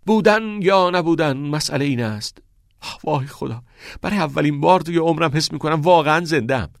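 A man voicing an eager, theatre-mad teenage boy who talks in quick, excited bursts. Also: on the high side, gravelly, no room sound, studio quality, voice pushed up.

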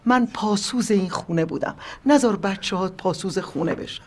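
A woman's voice: medium pitch, a little mellow, a little hiss or hum, lightly acted. An older actress playing a fussing, affectionate widowed mother in a family sitcom. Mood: pleading. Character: doting old widowed mother. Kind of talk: sitcom acting.

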